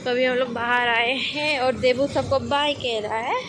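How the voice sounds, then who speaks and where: A woman's voice: high-pitched, steady tone, normal speed. A young woman filming a casual family vlog on a handheld phone, chatting and coaxing a small child outdoors at night and in a shop. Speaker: family vlogger. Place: outdoor parking area and supermarket at night. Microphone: handheld phone camera. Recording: noisy phone video.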